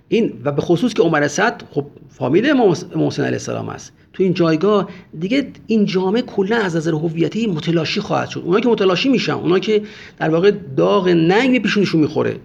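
A man's voice: fairly high pitch, gravelly, breathy edge. A man giving a religious history lecture, speaking emphatically and often urging listeners to pay close attention. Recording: dull lo-fi recording.

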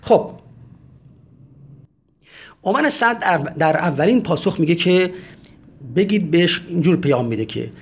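A man's voice: on the high side, expressive, pauses often, slightly rough. A man giving a religious history lecture, speaking emphatically and often urging listeners to pay close attention. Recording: dull lo-fi recording.

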